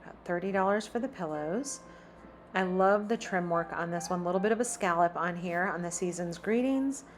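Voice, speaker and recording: Talking a little fast in a fairly low voice, a woman films a casual shop-with-me video inside a large store, noting prices as she strolls. There's slight background noise.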